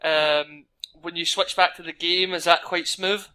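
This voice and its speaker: A man's voice: on the high side, steady tone, measured pace, bright, forceful tone, clear, resonant tone, rough recording. A man with a Glaswegian accent chatting casually about gaming as a podcast host. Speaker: podcast host asking questions.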